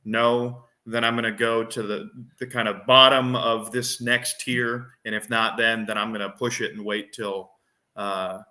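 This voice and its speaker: A man's voice: fairly low pitch, flat delivery, normal speed, bright, forceful tone. A man co-hosting a fantasy football podcast, explaining his reasoning in casual chat and thinking aloud with frequent restarts and fillers.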